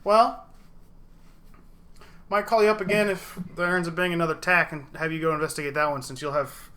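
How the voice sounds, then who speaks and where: A man voicing a brisk male fixer who hires a team. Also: a little high, fairly even intonation, bright, forceful tone, a little hiss or hum.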